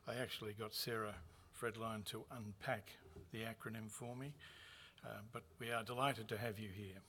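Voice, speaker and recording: A man, a university executive, opening a conference with a measured, formal address that carries light touches of humor. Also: lowish voice, fairly even intonation, pushed and bright, a little hiss or hum. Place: conference venue.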